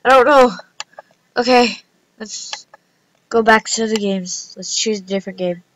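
Giggly high-voiced woman playing games. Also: measured pace, a bit bright, rough recording. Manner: giggly, playful, chatty. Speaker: gameplay vlogger. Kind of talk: casual gameplay commentary.

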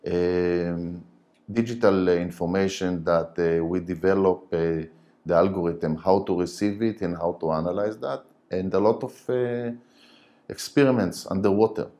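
Deep, dark-voiced man, halting non-native English. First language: not English. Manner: halting, hesitant phrasing. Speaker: interview guest, company director. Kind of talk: technical explanation in an interview. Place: TV studio. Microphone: lapel mic.

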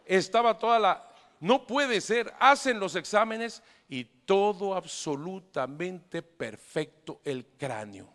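A middle-aged man, a priest, telling a story to a live audience in an animated, emphatic way with joking asides. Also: high-pitched, slow pace. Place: large hall with an audience. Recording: echoey hall.

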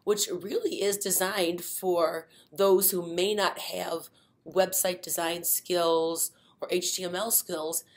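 A middle-aged woman trains people in an informal instructional webinar. Her voice is low-ish, and she explains in an unhurried, relaxed way, using lots of fillers.

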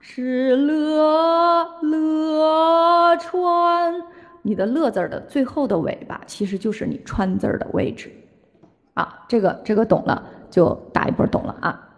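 A woman's voice: medium pitch, animated, a little fast, a little mellow. A woman voice teacher giving a singing lesson, explaining phrases and breaking into sung demonstrations. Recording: long hall reverb with faint music.

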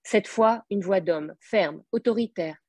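A woman's voice: medium pitch, unhurried, mellow, slightly rough, dry recording. Earnest woman reading her own novel. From southern France. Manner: earnest, with hesitant fillers when speaking freely. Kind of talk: introduction then literary reading.

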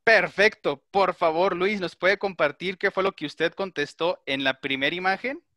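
A man's voice: high voice, normal speed, sharp tone, no room sound, studio quality. A middle-aged man teaching an online class, explaining step by step and checking that his students follow.

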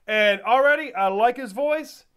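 Easygoing guy doing a song reaction, bright crisp voice, rambles a bit. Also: extremely high pitch, measured pace. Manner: folksy, rambling, easygoing talk. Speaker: music reaction channel host. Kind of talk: casual reaction commentary.

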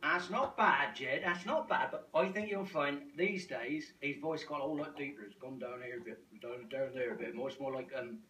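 A man's voice: mid-range voice, moderate pace, few pauses, bright, forceful tone, reverberant, recorded from a distance, natural voice. An actor playing an older male TV presenter who keeps breaking off mid-sentence with hacking coughs. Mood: jovial. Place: restaurant table.

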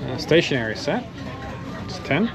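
A man's voice: on the high side, big pitch swings, moderate pace, vocal fry. A man casually narrating a walk through an outlet store, chatting and reading out prices as he browses. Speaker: podcast host walking through an outlet store. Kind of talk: casual walkthrough commentary. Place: indoor retail outlet store. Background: loud store music.

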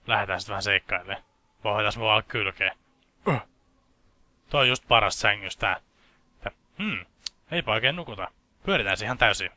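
A young man from Finland talks over his gameplay in a sarcastic, joking, foul-mouthed way. His voice is low-pitched yet very bright and sharp. He sounds loose and casual. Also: expressive, pauses often, no echo. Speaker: gameplay commentator. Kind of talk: casual let's play commentary.

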